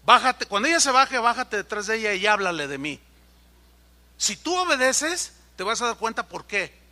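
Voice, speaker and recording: A man preaching a sermon as pastor, acting out quoted conversations in an animated way. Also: sits high, fairly quick. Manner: animated, acts out dialogue in quoted voices.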